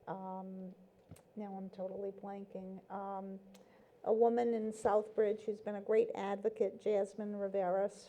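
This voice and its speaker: This woman's mid-range, mellow voice comes through with the highs cut off. Appearing as a talk show guest from a nonprofit, she explains things earnestly in a casual interview, leaning often on fillers like "um" and "you know."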